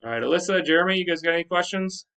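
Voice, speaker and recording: A man's voice: high voice, expressive, very fast, creaky, bright, forceful tone, smooth. A man teaching like a teacher to his class, explaining step by step in an instructive way and posing questions to check understanding. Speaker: high school math teacher. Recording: distant microphone.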